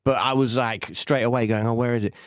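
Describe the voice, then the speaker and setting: A man hosting a casual interview podcast, enthusiastic and quick to laugh, with frequent fillers. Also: mid-range voice, steady tone, smooth, dry recording, studio quality. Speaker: podcast host.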